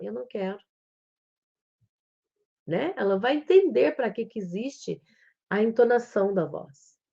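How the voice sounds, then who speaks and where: A woman's voice: mid-range voice, dark tone, dull audio. A woman with a Brazilian Portuguese accent giving a live-streamed talk as an educator, explaining things step by step and acting out how a child talks. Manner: explains slowly, acts out a child's speech. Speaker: psychomotricity educator.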